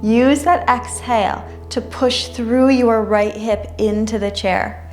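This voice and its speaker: A woman instructing a chair yoga class in a careful, unhurried way, gently guiding each movement. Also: a little high, steady tone. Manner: careful, unhurried, measured delivery. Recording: roomy echo, music underneath. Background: music.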